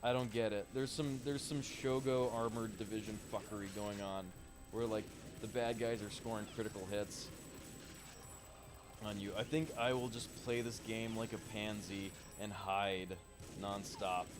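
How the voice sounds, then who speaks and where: Over background music, this man speaks in a lowish, steady voice at a measured pace. As a streamer giving relaxed let's-play commentary on a shooter, he curses without restraint and chats easily with his audience mid-game.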